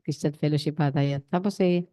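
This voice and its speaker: A woman's voice: sits low, steady tone, fairly quick, dark tone. A woman preacher giving a chatty, digressive testimony during a worship service.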